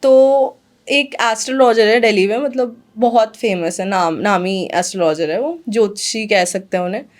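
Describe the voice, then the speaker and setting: A woman's voice: mid-range voice, normal speed. A woman guest telling a personal story in conversation. She talks earnestly, repeats fillers and slips English phrases into her speech. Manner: earnest, filler-heavy retelling with quoted dialogue; mixes Hindi with English phrases.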